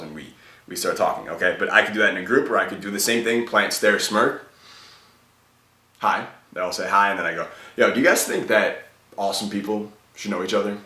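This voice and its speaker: A man's voice: deep voice, pushed and bright. A young man giving casual dating advice in a laid-back, chatty way, peppering his talk with "like" and "okay?". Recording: echoey room, mic at a distance.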